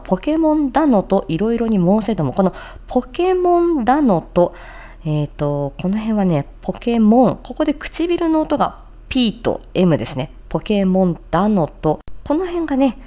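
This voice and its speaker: A woman voice performer with a mellow, medium-pitched voice presents a practice show, though the audio sounds dull. She alternates relaxed explanation with formal recitation of scripts, demonstrating tricky phrases and stressing articulation.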